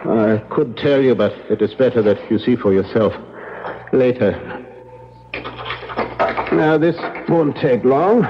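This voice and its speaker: A grave, commanding older professor in a 1970s radio drama, hunting vampires. The delivery is deliberate and formal, at a middling pitch. The broadcast is muffled, with clear noise over it. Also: male voice. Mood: solemn, purposeful.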